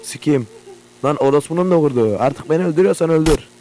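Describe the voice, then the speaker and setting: With a fairly high voice and a quick pace, a young man from Turkey swears and jumps his way through a horror game. He's a gaming YouTuber, and the game's generator hums behind his loud reactions.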